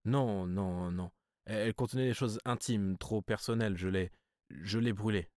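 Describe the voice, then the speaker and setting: A trembling noblewoman, done by a man reading the book, whose hesitant answers break into high, tearful pleas. The voice sits low at rest and is close and dry, with no room around it. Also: moderate pace, darkish tone, dry recording, natural voice. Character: distressed young noblewoman, trembling, pleading.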